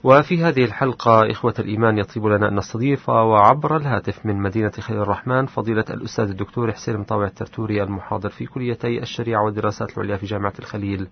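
A man's voice: on the low side, rapid-fire, gravelly, hardly any pauses, slightly rough. A man hosting a religious call-in radio programme, formal and courteous in his address. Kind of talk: formal broadcast presenting in Arabic with short replies to callers. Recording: slightly muffled radio broadcast.

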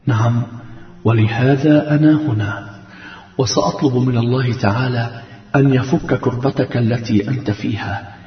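A man voicing a gentle glowing spirit that speaks softly and calmly to reassure the dead. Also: medium pitch, pitched below the performer's own voice, natural voice. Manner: hushed, calm and soothing. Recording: roomy, dull lo-fi recording.

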